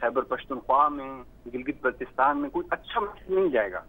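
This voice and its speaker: A man's voice: medium pitch, animated, brisk, a bit bright. A man from Pakistan, a barrister calling in, speaking formally and measuredly and quoting verse. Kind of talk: phone-in commentary. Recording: thin phone-like line.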